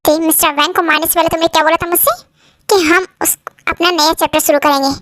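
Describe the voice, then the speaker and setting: A woman's voice: extremely high pitch, steady tone, fast, fairly bright tone, dry recording. A woman voicing a worried young husband who anxiously pleads with his wife, in a fan-dub drama. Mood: pleading. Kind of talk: Hindi fan dub acting.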